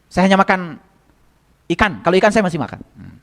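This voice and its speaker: Male religious teacher, sermon, strikingly high voice, chatty delivery full of rhetorical questions to the congregation. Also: sing-song, fast, fairly bright tone. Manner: conversational, repeats phrases for emphasis.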